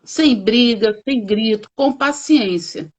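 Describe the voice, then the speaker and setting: A woman's voice: fairly high pitch, takes it slowly, rough recording. A woman with a Brazilian accent, a children's coach who explains her points emphatically and stretches out key words, heard over a video call. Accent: Brazilian Portuguese. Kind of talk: explanatory interview answers.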